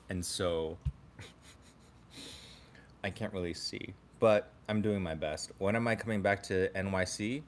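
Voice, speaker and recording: A man's voice: sits low, slow pace, long pauses, slight background noise. A man hosting a casual livestream from his home, chatting with viewers, reading the chat aloud and laughing often. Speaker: livestream host.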